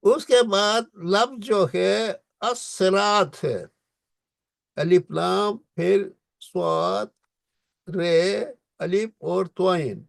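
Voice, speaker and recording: A man teaching Quran recitation in a lecture, explaining pronunciation and drawing out the verses slowly. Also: high voice, vocal fry, no echo, studio quality.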